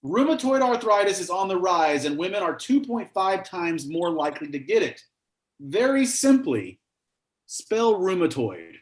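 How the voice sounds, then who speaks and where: A man runs a casual trivia quiz, cracking jokes between the questions he reads aloud. His voice sits on the high side for a man. The room around him echoes noticeably. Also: big pitch swings, a little slow. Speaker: trivia host. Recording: roomy echo.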